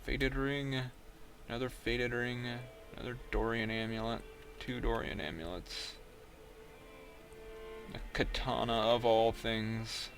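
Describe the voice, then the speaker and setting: A man's voice: mid-range voice, steady tone, takes it slowly, pauses often, fairly bright tone, soft background music. A man giving casual, goofy, self-amused commentary while playing a video game. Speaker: let's play host.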